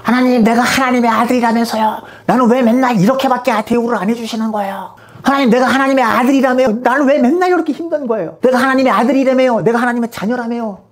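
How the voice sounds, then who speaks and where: A man's voice: very high-pitched, fairly even intonation, fast, voice pushed up. A man voicing a believer who pleads and complains to God, in a sermon. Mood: whining.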